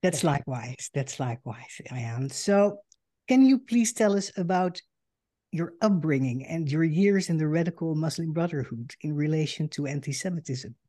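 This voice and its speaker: A woman from the Netherlands hosting a podcast, reading a formal guest introduction and asking questions in a measured way. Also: low voice, expressive, warm tone. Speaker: podcast host. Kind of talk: scripted introduction and interviewing.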